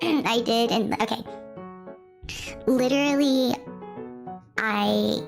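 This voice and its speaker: Woman streamer through a gravelly voice changer. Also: on the high side, takes it slowly, soft background music. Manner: chatty and scattered, with frequent restarts and self-deprecating asides. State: lost voice from illness, speaking through voice mod. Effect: voice changer filter altering her voice. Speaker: livestreamer. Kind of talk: casual chat with stream viewers.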